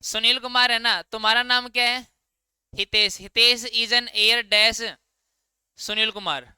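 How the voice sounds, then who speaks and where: Bright crisp-voiced male classroom teacher. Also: extremely high pitch, flat delivery, a little slow, dry recording. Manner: informal, quizzing students and answering his own questions. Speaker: English grammar teacher. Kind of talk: classroom lecture.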